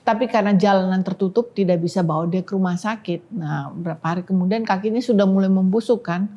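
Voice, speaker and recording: A woman giving an emotional personal testimony on a talk podcast, dropping to a hush when she quotes prayers. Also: mid-range voice, quick pace, dull audio. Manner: emotional storytelling, quoting prayers softly. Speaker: podcast guest.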